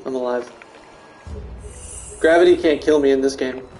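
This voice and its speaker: During a casual game stream, a man rambles and jokes while talking to his chat. His medium-pitched voice moves at an ordinary speed, darkish in tone, with faint music in the background.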